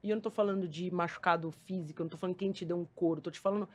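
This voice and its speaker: A woman who gives lectures in schools, speaking as a podcast guest in casual conversation and telling stories in a lively, slangy way. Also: fairly low pitch, racing. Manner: lively, slangy storytelling with acted-out quotes.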